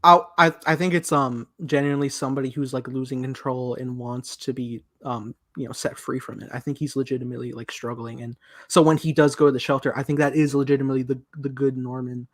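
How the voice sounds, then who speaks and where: A man's voice: medium pitch, steady tone, quick pace, fairly bright tone, no echo, clean studio sound. A man hosting a podcast in casual chat, rambling along with lots of fillers and restarts. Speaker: podcast host.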